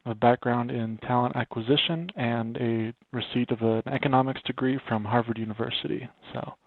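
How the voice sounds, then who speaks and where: A man's voice: mid-range voice, fairly even intonation, brisk, no room sound. A man in his thirties, a guest consultant on a podcast, answering in a modest, dry-humored way. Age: 30s. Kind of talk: casual interview. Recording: phone-like remote line.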